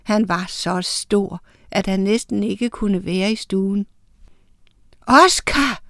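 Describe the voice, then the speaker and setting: A woman narrating a children's storybook in a clear, steady storytelling voice. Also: medium pitch, no echo, clean studio sound. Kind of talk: storybook reading.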